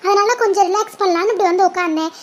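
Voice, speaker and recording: A woman's voice: very high voice, fairly even intonation, very fast. A woman voicing a bratty schoolgirl daughter who whines and complains to her mother. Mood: complaining. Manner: whining, complaining.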